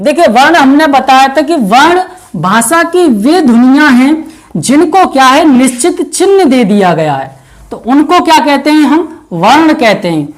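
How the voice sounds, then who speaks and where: A woman teaching a grammar lesson for exam preparation, explaining step by step with many repeated fillers and calling her viewers friends. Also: sits high.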